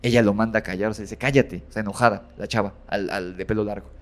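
A man's voice: lowish voice, steady tone, very fast. A man casually retelling a horror story as a guest, rambling with many fillers and self-corrections.

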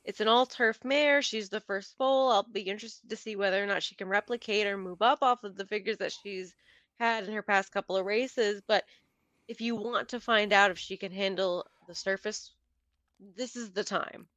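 Brisk, analytical woman guest, dry sound. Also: mid-range voice, fairly bright tone, no room sound, dull audio. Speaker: podcast guest and horse racing handicapper. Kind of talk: casual podcast chat.

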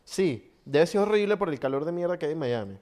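A man's voice: on the high side, a little fast. A man with a Venezuelan Spanish accent co-hosting a podcast in casual, slangy chat, laughing often. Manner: animated, laughs a lot, slangy. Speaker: podcast co-host. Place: Miami.

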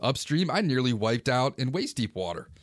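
A man in his forties, a fishing vlogger, casually recounting a day on the river in a relaxed, conversational way. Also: mid-range voice, moderate pace, dry recording, studio quality. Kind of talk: casual first-person storytelling.

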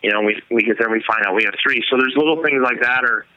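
A man's voice: mid-range voice, quick pace, no echo, dull audio. A man who makes hunting films, explaining his process in a casual interview, rambling with fillers and restarts. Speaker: hunting filmmaker guest.

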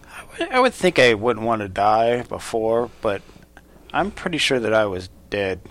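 Guy with a lowish voice rambling earnestly, faint hum behind. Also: very animated, normal speed, a bit bright. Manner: rambling, many fillers and restarts, earnest. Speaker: group member. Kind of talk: casual personal story.

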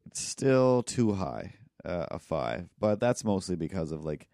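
A man, co-hosting a podcast, telling a long rambling story in casual chat and acting out people yelling in loud bursts. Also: sits low, big pitch swings, measured pace, dry recording, studio quality. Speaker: podcast co-host.

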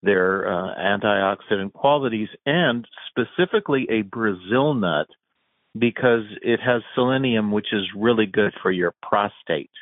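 A man's voice: on the low side, measured pace, no room sound. A man leaving a wry, teasing voicemail for a show, heard played back over a phone line. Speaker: caller. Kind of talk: voicemail message.

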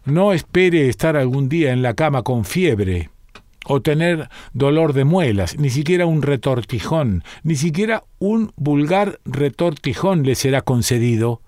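A thin man in his thirties speaks with wry, slightly bitter teasing, voiced by a male narrator. He drawls slowly, recorded close and dry. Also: on the high side, animated, darkish tone, dry recording.

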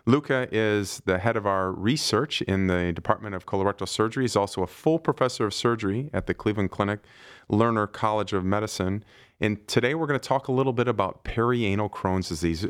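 A man with a low voice hosts a podcast and asks his guest questions in a friendly, conversational way. The sound is close and dry, with no room around it. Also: fairly quick, clear, resonant tone, no room sound. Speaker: podcast host and surgeon. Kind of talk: podcast interview.

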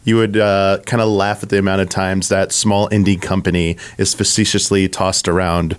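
Co-host, man with a low, smooth voice, sarcastic and chatty. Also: little pitch movement, normal speed. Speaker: podcast co-host. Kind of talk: casual chat.

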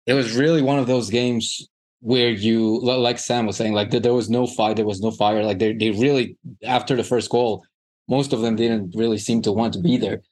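A man co-hosting a casual sports podcast, halting with frequent restarts and fillers. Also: fairly low pitch, fairly even intonation, a little mellow. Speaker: podcast co-host.

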